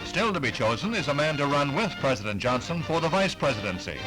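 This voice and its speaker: Male old-newsreel announcer, slightly high voice, formal delivery, music bed underneath. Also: big pitch swings, fast, poor audio. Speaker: newsreel narrator. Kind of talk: 1960s newsreel narration. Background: music under the narration.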